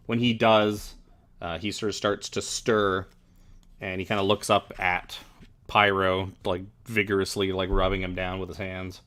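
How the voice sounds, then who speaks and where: A man with a fairly low voice running a tabletop game. His narration is casual and loose, peppered with "like" and restarts, describing the scene to his players. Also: little pitch movement, a little slow, fairly bright tone. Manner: casual, filler-heavy with frequent "like". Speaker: game master.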